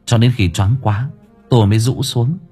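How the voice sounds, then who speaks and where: A man narrating a first-person audiobook story in a dramatic, lively way. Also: medium pitch, normal speed, slightly rough, faint music behind.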